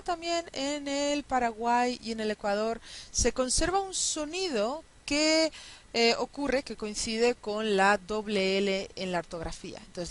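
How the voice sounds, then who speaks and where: A woman lecturing on speech sounds at an unhurried pace. She says example words one by one with care and keeps checking in with her listeners. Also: a little high. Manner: repeats example words slowly and carefully. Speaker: language teacher. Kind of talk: recorded lecture on Spanish phonetics.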